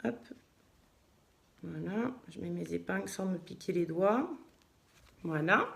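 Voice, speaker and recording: A woman's voice: fairly low pitch, lively intonation, slow, gravelly, fairly bright tone. A woman from France teaching sewing at her machine in a live tutorial, chatting casually and thinking aloud with many fillers as she works.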